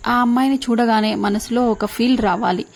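A woman's voice: fairly high pitch, fairly even intonation, normal speed, gravelly. A woman reading as a dreamy young man. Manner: earnest, dreamy.

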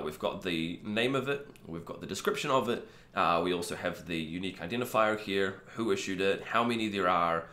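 A man in his thirties with a croaky, cold-affected voice, casually hosting a screen-share tutorial in an easygoing, informal way. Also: fairly low pitch, a bit bright. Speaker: video host. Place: small room indoors. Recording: echoey untreated room.

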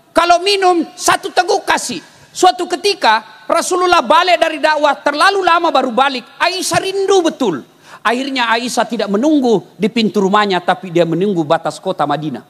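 High-voiced joking preacher in a hall. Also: male voice. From Makassar. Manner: animated storytelling, jokes, bursts of loud exclamation. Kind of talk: humorous sermon. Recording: long reverb in a hall.

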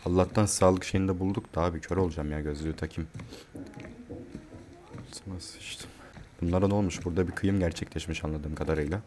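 A man playing a horror game and commenting, joking and swearing, yelling in panic when chased. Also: low-pitched, fairly even intonation, very fast, hardly any pauses, a little hiss or hum. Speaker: gamer.

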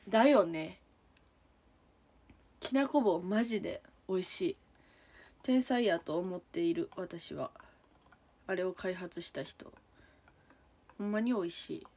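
A woman's voice: medium pitch, a little mellow. A young woman with a Kansai accent chatting casually on a livestream from her room, answering viewers one by one and giggling often. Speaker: idol livestreamer. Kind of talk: casual livestream chat reading comments. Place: room at home.

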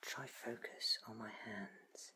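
A man's voice: lowish voice, fairly even intonation, takes it slowly, pushed and bright, full character voice, rough recording. A man in his thirties playing an eccentric, curious, ancient alien time traveller, theatrical and wordy, in a close-miked ASMR roleplay. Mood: focused, tinkering. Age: 30s. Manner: theatrical, wordy, self-assured. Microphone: close sensitive microphone.

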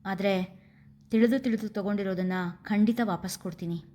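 A woman voicing a gentle older sister who speaks softly and sorrowfully. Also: medium pitch, normal speed, natural voice. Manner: soft, sorrowful.

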